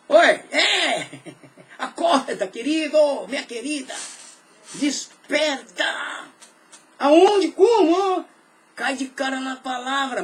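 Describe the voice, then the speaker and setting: Animated, high-voiced pastor. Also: male voice. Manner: animated preaching, jumps between loud calls and low asides; frequent throat clearing. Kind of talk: sermon.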